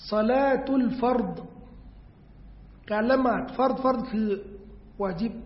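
A man with a high voice gives a religious lesson, patiently repeating words so listeners can copy their pronunciation. His talk echoes through a long, reverberant hall. The recording sounds dull and lo-fi. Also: fairly even intonation, slow. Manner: asks rhetorical questions of listeners. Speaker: Islamic religious teacher. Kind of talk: hadith lesson on Arabic pronunciation.

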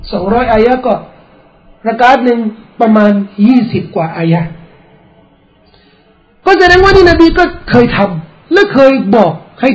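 A man preaching an Islamic sermon, explaining in a relaxed, conversational way and weaving in recited Arabic quotations. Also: very high voice, poor audio. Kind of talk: religious sermon.

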